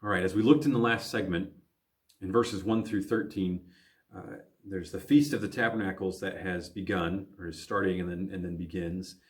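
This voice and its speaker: A man's voice: sits low, moderate pace. A man, a pastor from the American Midwest, teaching a recorded Bible lesson for teens, thinking aloud with frequent fillers and restarts.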